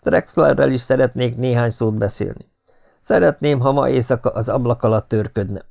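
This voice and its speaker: A man's voice: medium pitch, vocal fry, darkish tone, close to an everyday voice. A man voicing a worried, serious detective in an audiobook. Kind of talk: audiobook character reading.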